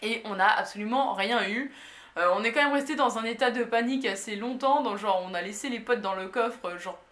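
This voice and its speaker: A young woman from France telling an anecdote in a casual, slangy way, full of fillers and lively asides. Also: fairly high pitch, brisk. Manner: animated, slangy, many fillers. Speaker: vlogger. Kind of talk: casual storytelling. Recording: echoey room.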